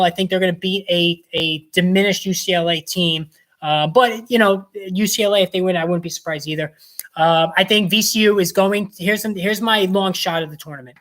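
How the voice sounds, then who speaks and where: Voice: medium pitch, fairly bright tone. A host talking through tournament predictions in a casual monologue, rambling with lots of fillers and restarts, and confident in the picks. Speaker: sports bracket analyst host.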